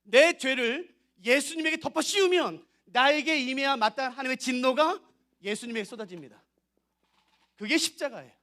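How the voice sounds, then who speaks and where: A man's voice: very high voice, pushed and bright. A man preaching at a revival service in a church, emphatic and direct with the congregation, often acting out little dialogues. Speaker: pastor. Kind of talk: revival sermon. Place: church sanctuary.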